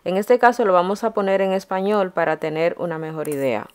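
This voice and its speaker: A young adult woman vlogger talks to camera with casual, encouraging tips for learning languages, laughing often as she goes. Her voice is on the low side and her pace a little fast.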